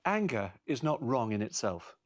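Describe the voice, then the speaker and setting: A man presenting a parenting course in calm, measured, scripted narration. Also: mid-range voice.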